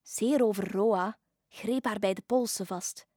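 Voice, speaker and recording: A woman reading a children's story aloud in an expressive, lively way. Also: medium pitch, unhurried, no room sound, studio quality. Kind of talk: scripted storybook narration.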